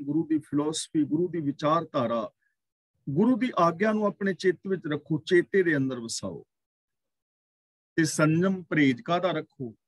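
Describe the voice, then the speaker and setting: A man with a somewhat high voice gives a scripture exposition, drawing out each verse line in a slow chant before explaining it. His cadence is measured and repetitive, like a patient teacher. The recording is dry and close, with no room sound. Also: dry recording. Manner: chants scripture lines slowly, then explains.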